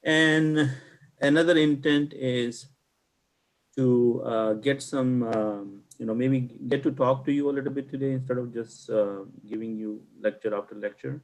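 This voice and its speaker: Halting man teaching informally. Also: medium pitch, fairly even intonation. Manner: halting, hesitant, thinking aloud. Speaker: teacher leading an online class. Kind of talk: informal online lesson, chatting with students.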